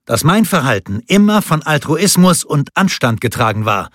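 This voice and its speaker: Ein Mann spielt einen trotzigen, stolzen Edelmann. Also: male voice, on the high side, very animated, normal speed, a bit bright, no echo, clean studio sound, pitched above the performer's own voice. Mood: defiant. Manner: firm, defiant, declamatory.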